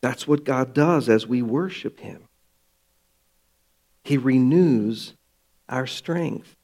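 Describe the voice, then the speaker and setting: A man preaching a sermon to his congregation, slow and emphatic with dramatic pauses. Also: medium pitch, darkish tone. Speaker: pastor.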